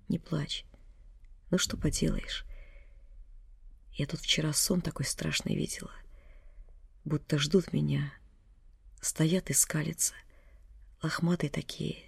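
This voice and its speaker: A reader voicing a gravely ill older mother in an audiobook, speaking in hoarse, broken whispers. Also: medium pitch, no room sound, full character voice. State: gravely ill, breath failing. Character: dying older woman, hoarse, frightened then raging. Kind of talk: audiobook reading.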